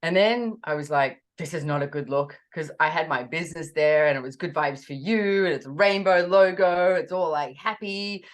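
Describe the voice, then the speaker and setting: A woman being interviewed over a video call, telling a personal story with animated energy and acting out her own quoted words. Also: lowish voice, normal speed, hardly any pauses. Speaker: interview guest.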